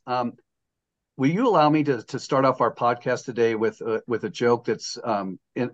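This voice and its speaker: A man's voice: medium pitch, lo-fi sound. An older man hosting a casual sports podcast, jokey and rambling, with lots of restarts. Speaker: podcast host.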